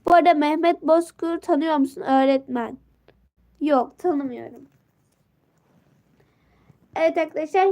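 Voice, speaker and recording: A woman's voice: high-pitched, measured pace, pauses often, mellow. A teenage girl chatting on a casual live stream, greeting viewers and reading out comments, her voice worn from a sore throat and a stuffy nose.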